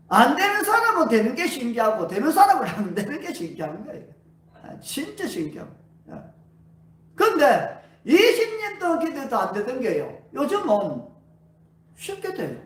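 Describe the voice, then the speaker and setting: At a healing revival in a church sanctuary, a pastor preaches and asks the congregation one question after another. The mid-range voice sounds distant, recorded away from the mic in a roomy church hall.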